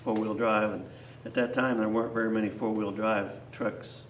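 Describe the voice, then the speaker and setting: Picked up by a distant mic in an echoey space with faint noise and the highs cut off, this man speaks at a fairly low pitch in a flat delivery and at normal speed. He's a grandfather, 60 or older, rambling through an unscripted personal story in plain, folksy terms and frequently circling back.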